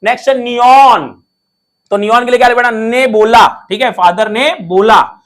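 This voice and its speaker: A man's voice: extremely high pitch, moderate pace, fairly bright tone. Playful male teacher. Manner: playful, repeats questions and answers them himself. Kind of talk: classroom lesson, coaxing students.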